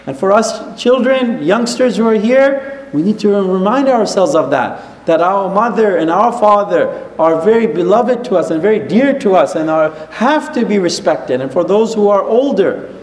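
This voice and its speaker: A man's voice: sits high, expressive, moderate pace. A man preaching an earnest sermon, telling a moral story and using frequent religious phrases. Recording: echoey hall.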